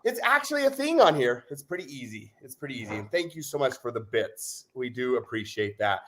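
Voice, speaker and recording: A man co-hosting a live stream in casual chat, exuberant and jokey, whooping and shouting at times, getting over covid. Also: mid-range voice, very animated, fairly quick, slight background noise. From Utah. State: recovering from covid. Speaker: livestream co-host.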